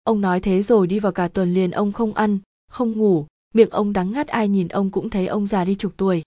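A woman narrating a spooky village story in a steady, even storytelling tone. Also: mid-range voice, normal speed, no echo, studio quality.

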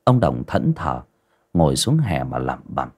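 A man narrating a folksy story in an expressive, vivid way. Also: very deep voice, unhurried, vocal fry, slightly rough.

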